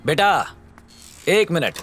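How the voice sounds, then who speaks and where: An actor dubbing a calm, caring father who reasons with gentle sarcasm, heard over film music. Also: fairly high pitch, slow, husky, heavily acted. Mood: wry. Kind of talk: Hindi film dub acting. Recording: film soundtrack with music under dialogue. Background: film score music.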